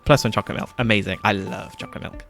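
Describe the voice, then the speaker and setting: A man's voice: fairly low pitch, steady tone, very fast, vocal fry, fairly bright tone, soft background music. A man streaming a game, chatting casually, laughing often and reading game text aloud. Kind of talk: casual gaming commentary.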